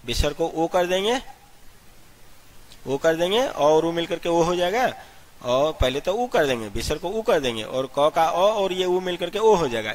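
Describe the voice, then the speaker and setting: A man teaching a grammar lesson step by step, asking questions and answering them himself, and spelling out letters slowly one at a time. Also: a little high. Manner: explains step by step, asks and answers his own questions. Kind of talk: classroom-style grammar lesson.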